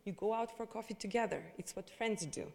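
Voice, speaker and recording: A woman's voice: mid-range voice, a little fast, gravelly, a little mellow. Woman, event speech, hesitant, echoing hall. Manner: hesitant, many fillers and restarts. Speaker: bank representative. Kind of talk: speech at a live corporate event. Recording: long hall reverb.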